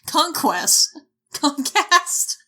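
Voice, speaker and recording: Her voice is high-pitched and sharp, swinging widely in pitch as she speaks extremely slowly. This woman is reading a scripted casting-call announcement as a voice-over, and the blooper outtakes catch her repeatedly stumbling, cursing, and mocking herself.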